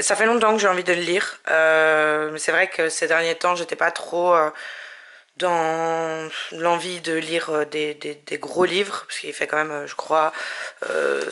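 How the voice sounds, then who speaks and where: A woman's voice: sits low, fairly bright tone. A woman chatting casually at home in a book vlog, hesitant with many fillers and restarts. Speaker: book vlogger.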